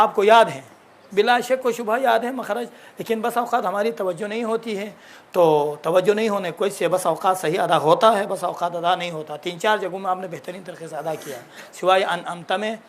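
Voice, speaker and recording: A man teaching Quran recitation, patiently correcting a student and slowly demonstrating sounds. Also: high-pitched.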